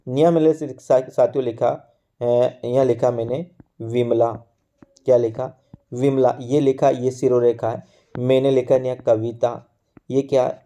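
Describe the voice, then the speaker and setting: A man teaching an exam-prep Hindi grammar lesson. He keeps asking the class questions and answering them himself, slowing down to stress key terms. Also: mid-range voice, mellow. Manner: repetitive, quizzes the class with call-and-answer questions.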